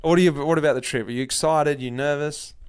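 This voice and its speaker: A man's voice: fairly high pitch, fairly even intonation, fast talker, clean tone, no echo. A man hosting a casual vlog outdoors, asking riders questions in a chatty, friendly way. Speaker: host. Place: outdoors on a bike ride.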